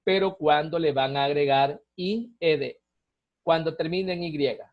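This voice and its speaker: A man giving a recorded lesson, explaining grammar rules patiently step by step, often checking in with a quick tag question. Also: on the high side. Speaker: teacher. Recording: dull lo-fi recording.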